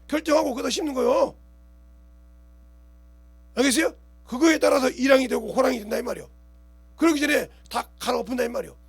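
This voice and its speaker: A male pastor preaching a sermon in a colloquial, animated way, acting out scenes and keeping on asking the congregation whether they understand. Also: very high-pitched, a little fast, creaky, long pauses, husky. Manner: animated, acts out scenes with gestures and quoted voices.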